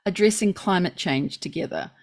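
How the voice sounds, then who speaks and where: A woman's voice: fairly low pitch, moderate pace. A woman with a New Zealand accent co-hosting a podcast, earnestly sharing reports and reflections at length. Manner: earnest, informative, lists facts and reports at length. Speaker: podcast co-host. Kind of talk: casual podcast chat.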